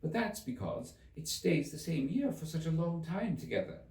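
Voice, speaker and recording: Man playing a high, prim storybook girl. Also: sing-song, moderate pace, a little mellow, reverberant, far from the mic. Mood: curious, puzzled. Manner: polite but indignant, emphatic. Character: prim, indignant, curious young girl Alice in storybook.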